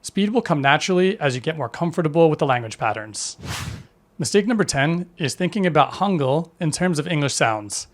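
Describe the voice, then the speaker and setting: A little fast, a man who teaches languages narrates a scripted lesson, keeping an even, instructive tone. He delivers each point steadily, as in a prepared explainer, with a voice pitched slightly above the usual male level.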